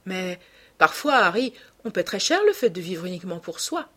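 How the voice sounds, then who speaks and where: Cast: a serious, conscientious painter, measured and slow, read by a woman. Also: fairly low pitch, big pitch swings, a bit bright. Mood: grave. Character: troubled, gentle male painter. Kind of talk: audiobook character reading.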